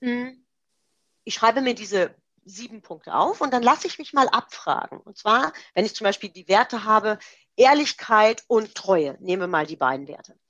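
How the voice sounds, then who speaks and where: A woman's voice: mid-range voice, animated, moderate pace, a bit bright, no room sound, highs cut off. A middle-aged woman coach explaining self-coaching exercises step by step in an interview, in a practical, example-driven way.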